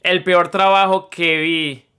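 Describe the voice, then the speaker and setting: A man's voice: high-pitched, flat delivery, slow, pushed and bright, smooth. A young man streaming, chatting casually in a rambling way, playfully boastful and mock self-pitying.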